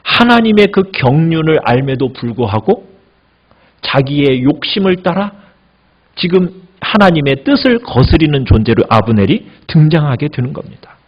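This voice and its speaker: A man's voice: mid-range voice, expressive, normal speed, pauses often, slightly rough, muffled recording. A man preaching a midweek sermon as pastor, asking the congregation questions as he goes.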